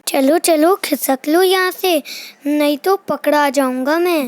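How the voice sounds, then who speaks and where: A woman's voice: sits high, measured pace, no echo. A woman voicing a mischievous little boy in a toy doll play, muttering slyly to himself. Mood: sneaky.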